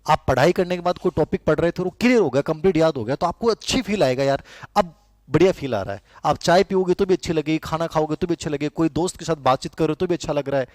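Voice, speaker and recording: Hindi teacher dictating a psychology lecture. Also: male voice, on the high side, darkish tone, no room sound. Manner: conversational, repeats key terms for notes.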